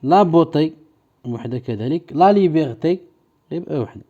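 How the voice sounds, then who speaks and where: A man with a Moroccan Arabic accent, teaching a French lesson and explaining it in Darija. He says words slowly, repeats them and translates them. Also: fairly high pitch, lively intonation, muffled recording.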